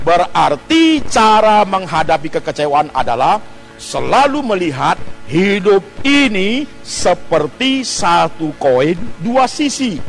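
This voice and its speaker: A man's voice: high-pitched, low-quality recording. A man preaching a church sermon, joking with the congregation, asking rhetorical questions and dropping in English phrases. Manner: jokey, peppered with rhetorical questions. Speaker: pastor. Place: church service.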